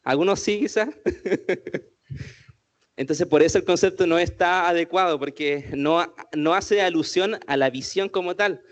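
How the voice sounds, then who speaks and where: A man's voice: sits high, unhurried. A man giving an inclusion workshop to a group, asking the audience many questions as he goes. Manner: asks the audience many questions, says "¿cierto?" often. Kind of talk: interactive talk to a group.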